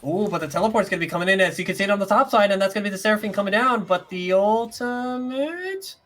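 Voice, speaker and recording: A man casting a live esports match as play-by-play commentator, excitable and jokey with rambling asides. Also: high-pitched, fast, soft background music. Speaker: esports caster.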